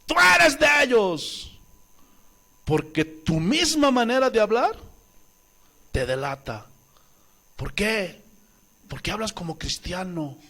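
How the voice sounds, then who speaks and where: A man from Bolivia preaching a sermon as pastor, animated, acting out voices and questioning the congregation. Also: sits high, slow, pauses often.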